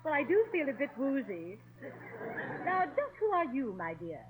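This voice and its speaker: A woman's voice: high voice, huge pitch swings, moderate pace. A woman with an English accent playing a dry-witted English lady who answers with cutting quips, in 1940s radio comedy style. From England. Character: sharp-witted English lady guest, unimpressed. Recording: noisy old radio broadcast.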